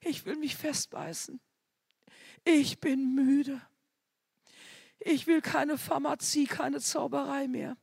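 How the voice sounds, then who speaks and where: A woman's voice: high-pitched, fairly even intonation, slow pace, gravelly, pauses often, dry recording, clean studio sound. Fervent older woman preaching. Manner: fervent, rising to loud declarations; chatty storytelling with quoted dialogue. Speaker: preacher giving testimony. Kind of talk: sermon with personal testimony.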